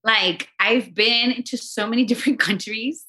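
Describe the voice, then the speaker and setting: A woman's voice: on the high side, a little slow, bright, forceful tone. A woman from Los Angeles, a radio co-host, chatting casually and emotionally as a podcast guest, full of "you know what I mean".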